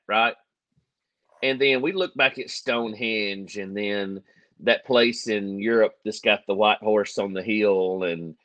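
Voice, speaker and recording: This is a man in casual podcast chat, his voice sitting a little low. He rambles from one joke to the next, laughing often. The sound is dry and close. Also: pushed and bright, no room sound. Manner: rambling, jokey, laughs easily. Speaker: podcast co-host.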